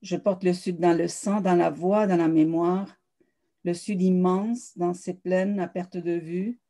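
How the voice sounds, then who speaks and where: Flat, mellow-voiced woman reading poetry. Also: fairly low pitch, unhurried. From South America. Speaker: poet.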